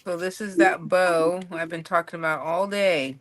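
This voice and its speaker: A woman's voice: fairly low pitch, steady tone, normal speed, no room sound. A woman hosting a casual craft livestream, chatting playfully with guests and greeting viewers by name. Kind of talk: casual chat on a live stream.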